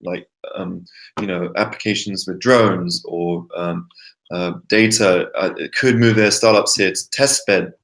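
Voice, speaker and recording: A man talking in a casual chat, halting and repeating his words as he goes. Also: deep voice, fairly even intonation, creaky, fairly bright tone. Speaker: host.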